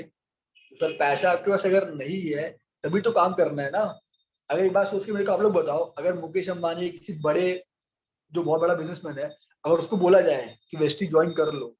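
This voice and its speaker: A man's voice: on the high side, a little mellow. A young man leading a training session, coaching listeners on how to answer objections and acting out both sides of the conversation. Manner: coaching, addresses listeners as sir, role-plays both sides. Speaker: business trainer. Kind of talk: training talk on handling objections.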